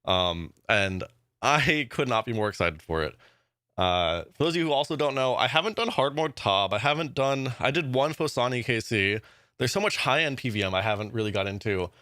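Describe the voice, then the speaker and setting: A man giving a casual vlog update as a gaming YouTuber, excited and rambling with lots of fillers. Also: medium pitch, brisk, no room sound, studio quality.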